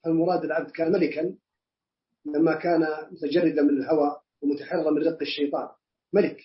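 A man teaching a classical book in a classroom lesson, explaining quickly and emphatically, joking with his students. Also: fairly high pitch, flat delivery. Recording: dull lo-fi lecture recording.

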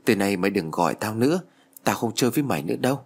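A man's voice: on the low side, lively intonation, very fast. A man voicing a frightened teenage girl who pleads in a trembling voice. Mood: scared.

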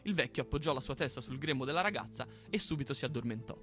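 A man hosting a radio show, reading a folk tale aloud in an expressive storytelling manner. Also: medium pitch, fast, soft background music. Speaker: radio host. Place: radio studio.

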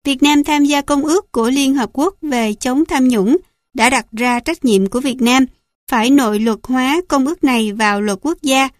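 A woman reading a legal commentary aloud as audiobook narration, in an even, measured way. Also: high voice, no room sound, studio quality. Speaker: audiobook reader. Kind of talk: scripted narration of a legal text.

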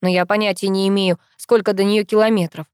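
A woman's voice: mid-range voice, little pitch movement, fairly quick, a little mellow, smooth, no room sound, studio quality, lightly acted. A woman reading the part of a teasing young man, the narrator's best friend, in an audiobook, with a playful, mocking manner. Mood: matter-of-fact.

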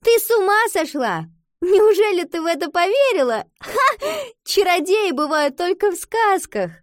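Woman voicing a mocking young schoolgirl witch, high and loud, storybook reading, dry sound. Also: very animated, measured pace, no echo, full character voice. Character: defensive sharp-tongued young schoolgirl witch.

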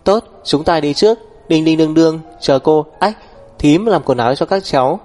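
A man's voice: fairly high pitch, darkish tone, soft background music, voice pushed up, close to an everyday voice. A man doing a cheerful young woman. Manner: cheerful and quick.

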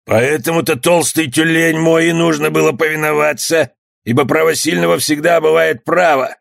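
A man putting on a high sneering one-eyed pirate. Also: steady tone, normal speed, creaky, fairly bright tone, no echo, studio quality. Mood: menacing. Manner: threatening, sneering. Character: gruff one-eyed male pirate bully.

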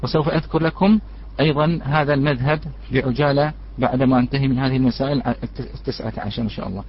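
A man's voice: medium pitch, fairly even intonation, rapid-fire. A man teaching a religious lesson on recitation rules, addressing his listeners as brothers and asking them questions before answering. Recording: dull lo-fi recording.

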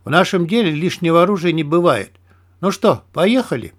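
A male audiobook narrator voicing a wary, terse veteran stalker in short clipped remarks, pitched a little lower than his narration. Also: expressive, fairly quick. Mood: gruff, dry. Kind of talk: audiobook character dialogue.

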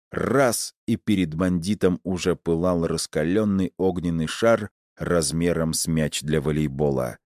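A man narrating a first-person audiobook in a measured, wry storytelling manner on a close studio mic. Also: sits low, a little mellow, no room sound.

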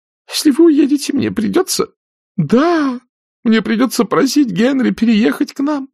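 A fainting, fretful old-maid aunt speaks in a high, quavering voice. Her speech wavers through a wide, swooping range. The sound is close and dry, with no room around it. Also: animated, normal speed, vocal fry, darkish tone, slightly rough, dry recording, exaggerated voice. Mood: tearful pleading. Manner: tremulous, moaning, tearful. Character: fluttery, faint-hearted middle-aged spinster aunt. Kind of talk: audiobook character voice.

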